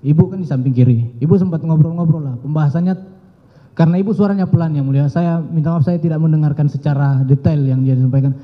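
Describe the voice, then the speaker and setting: Halting, deferential man giving court testimony. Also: fairly high pitch, long reverb tail, lo-fi sound. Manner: halting and deferential, often addressing the judge with an honorific.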